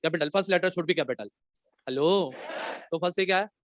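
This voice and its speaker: A man teaching a chemistry class, quizzing the students and dictating questions slowly. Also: sits high, fairly bright tone, no echo, studio quality. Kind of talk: classroom lecture.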